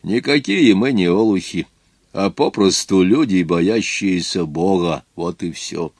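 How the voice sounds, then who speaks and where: A man's voice: deep voice, unhurried, darkish tone, breathy edge, no room sound, clean studio sound, heavily acted. A man reading the part of a stubborn, plain-spoken, superstitious peasant in an audiobook.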